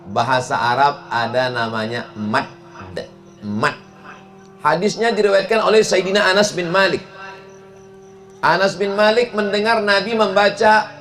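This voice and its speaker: Lively, playful male preacher. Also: a little high. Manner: playful, jokes and chuckles, drawn-out Arabic recitation. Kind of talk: humorous sermon to a live audience.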